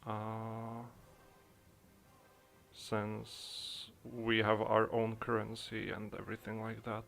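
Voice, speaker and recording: A young man with a Czech accent chats casually on a livestream, speaking slowly and hesitating often. His voice is gravelly with a fry, and his delivery stays fairly flat. He talks into a desk microphone. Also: on the low side. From Czech Republic. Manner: hesitant, thinking aloud with many fillers. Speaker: streamer. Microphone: desk microphone being adjusted in streaming software.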